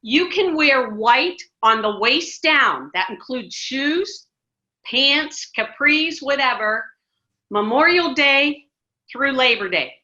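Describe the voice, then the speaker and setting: A middle-aged American woman who directs a ministry speaks as an interview guest, her high voice slow, expressive, pushed and bright. She talks emphatically and casually, restarting often. The recording sounds muffled and lo-fi.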